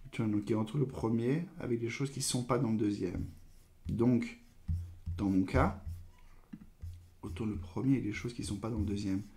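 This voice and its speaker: A man's voice: fairly low pitch, fairly even intonation, normal speed, pauses often, warm tone, faint music behind. A man hosting a live coding stream, thinking aloud with hesitations and trailing phrases while he tests code and reads viewer questions.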